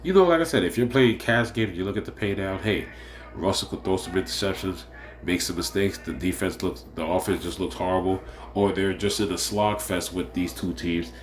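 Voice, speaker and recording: This fantasy sports show host has a low-pitched voice and a moderate pace, with a bit of hiss or hum in the background. Running a casual preview on his own, he comes across nasal and a little sick, wandering through his points with frequent fillers and repeated phrases.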